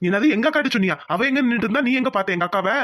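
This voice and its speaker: A woman's voice: mid-range voice, lively intonation, very fast, a bit bright. A woman voicing a grumbling, scolding middle-aged village husband in a cartoon.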